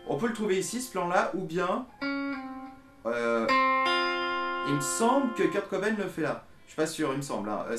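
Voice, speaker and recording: Man teaching guitar in a small echoey room. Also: fairly high pitch. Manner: relaxed, counting beats aloud over guitar. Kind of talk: casual guitar lesson. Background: electric guitar playing.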